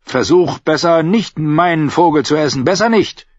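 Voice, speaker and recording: Man playing a simple-minded giant, childlike, slow, higher voice, dull audio. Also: expressive, no room sound. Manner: slow, simple, pleading then threatening. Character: huge slow-witted man, childlike and touchy.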